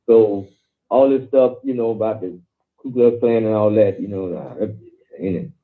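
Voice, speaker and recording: A male caller on a talk show, telling stories in a rambling, halting way with many fillers. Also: lowish voice. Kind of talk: phone-in talk. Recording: tinny phone line.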